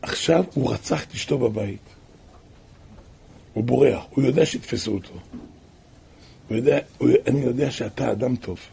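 A man telling a religious tale as a sermon, dropping to hushed asides and then crying out loud repeated calls. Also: gravelly, long pauses, slight background noise. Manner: shifts from hushed low asides to loud cried-out repetitions. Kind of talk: storytelling sermon.

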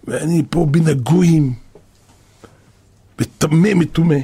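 Brief: preacher doing a broken young sinner, very husky and gravelly. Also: male voice, on the high side, mellow. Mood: remorseful. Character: young man, remorseful lapsed sinner.

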